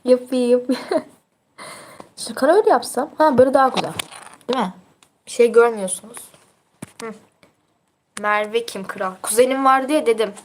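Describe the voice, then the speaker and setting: A woman's voice: on the high side, normal speed, pauses often, a little hiss or hum. A teenage girl chatting casually on her livestream, reading out viewer comments in a teasing, chatty way and laughing often.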